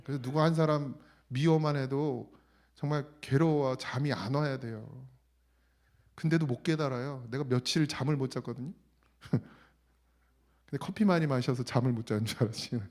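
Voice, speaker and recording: Korean pastor preaching a conversational sermon. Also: male voice, darkish tone. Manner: conversational preaching, quotes God in a lowered voice. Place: church sanctuary.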